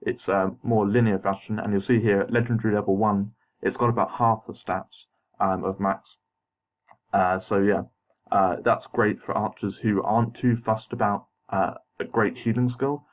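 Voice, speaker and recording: A phone-like, narrow recording of a young man with a lowish voice. He talks with braces in, so his words are a little unclear. He gives casual, hesitant commentary over gameplay and tends to apologise as he goes. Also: little pitch movement, moderate pace. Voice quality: slightly muffled articulation from wearing braces. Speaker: gameplay video narrator. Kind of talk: casual unscripted gaming commentary. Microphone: voice-over recorded over game footage. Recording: muffled phone-like home voice-over.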